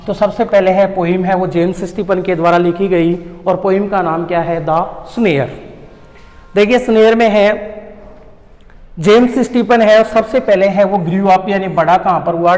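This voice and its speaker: A man teaching a poetry lesson in a high voice, explaining step by step. He keeps asking a question and answering it himself. The room adds a long, ringing reverb. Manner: asks questions and answers them himself, repeats key terms.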